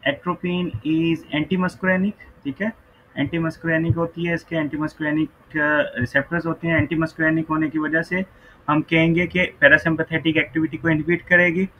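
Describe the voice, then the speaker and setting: A man's voice: fairly high pitch, little pitch movement, a little slow, dull audio. A man giving an online physiology lecture who mixes Hindi-Urdu and English, asks students questions and keeps checking "ok, right?".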